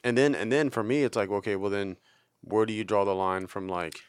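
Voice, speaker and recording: A man's voice: lowish voice, a little fast, clean tone, no room sound, clean studio sound. A man co-hosting a casual podcast, rambling and musing aloud with lots of fillers. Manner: rambling, musing, many fillers like "you know what I'm saying". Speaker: podcast co-host. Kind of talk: casual chat.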